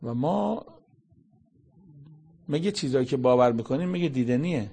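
Male preacher, slightly raspy tone, relaxed explanatory delivery, breaks into quoted Arabic scripture. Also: mid-range voice. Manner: colloquial explaining, quoting Arabic verses. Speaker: Quran commentator. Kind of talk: conversational religious lecture.

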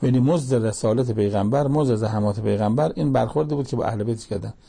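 A man's voice: medium pitch, vocal fry, dark tone, slightly rough. A man preaching a sermon, reciting Arabic scripture and pressing his listeners with pointed rhetorical questions.

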